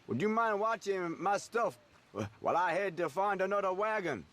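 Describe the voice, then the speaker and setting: An actor playing a folksy, polite stranded wagon driver in a video game. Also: male voice, high-pitched, lively intonation, normal speed, fairly bright tone. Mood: friendly.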